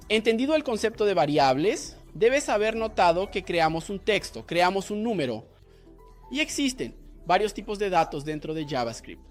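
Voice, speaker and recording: A man teaching a coding lesson, explaining each step and asking rhetorical questions to the viewer. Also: high voice. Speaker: programming instructor. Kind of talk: screen-recorded coding lesson.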